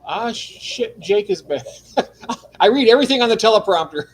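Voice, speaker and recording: A man's voice: sits high, slightly rough, poor audio. A man co-hosting a casual livestream, joking around, laughing often and reading chat comments aloud. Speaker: livestream co-host.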